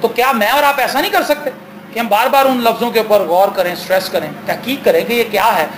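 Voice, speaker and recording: A man's voice: high voice, fairly bright tone, slight background noise. A man with a Pakistani accent preaching as pastor, building to emphatic, rising bursts and slipping into Punjabi for quoted talk. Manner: slips into Punjabi for quoted dialogue. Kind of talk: sermon.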